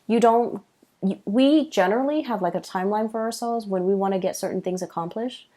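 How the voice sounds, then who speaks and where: Woman, tarot reader, tired, hesitant, many fillers, mellow dark tone, mid pitch. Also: fairly quick. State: tired, late at night. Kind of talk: tarot card reading.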